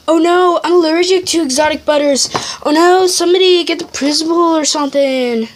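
Girl putting on a squeaky goofy teacher guy, panics easy, faint hiss behind. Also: brisk. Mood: panicky. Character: silly male teacher with a whiny panicky streak.

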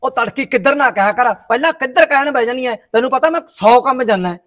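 A man's voice: extremely high pitch, expressive, fast, a bit bright. A man playing a self-important village father who wants to become sarpanch and grumbles defensively at his wife. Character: boastful village father chasing the sarpanch post.

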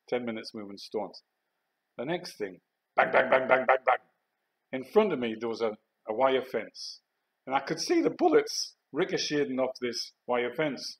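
An older man recounts his time as a soldier in a blunt, plain-spoken way, with salty language. His voice sits at an ordinary middle pitch. He speaks straight to the camera as a personal video memoir. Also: low-quality recording. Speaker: army veteran telling his own story. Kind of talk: first-person war memoir monologue.

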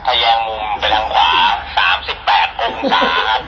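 A man's voice: moderate pace, shouting, heavy background noise. A man doing mock police radio dispatch, clipped and mock-serious, as police radio chatter. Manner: clipped call-sign replies, mock-serious.

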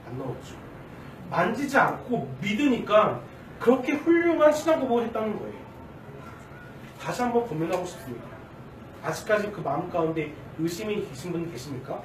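A man in his thirties preaches in a casual, questioning manner, his voice high and swinging widely in pitch. He acts out the quoted lines with shifting tones. The sound is roomy and distant, picked up from the back of a church sanctuary. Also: slight background noise. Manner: conversational, asks the congregation questions. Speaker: junior pastor. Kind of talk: sermon.

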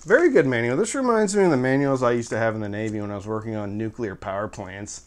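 A man's voice: mid-range voice, animated, quick pace. Chatty man reviewing audio gear. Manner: chatty, joking asides, explains step by step. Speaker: audio equipment reviewer, channel host. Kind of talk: casual product review to camera.

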